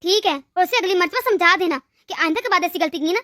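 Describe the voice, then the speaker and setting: Cartoon mother-in-law, a woman voicing her: harsh, bossy, scolding, very high and shrill, dry close sound. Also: lively intonation, fast talker, pushed and bright, no echo, full character voice. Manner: scolding, berating. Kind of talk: cartoon story voice acting.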